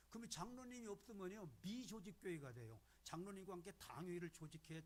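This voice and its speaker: A middle-aged man preaching a sermon as a guest preacher in a small rural church, telling stories with animated energy and acting out the voices he quotes. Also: fairly high pitch, a little hiss or hum.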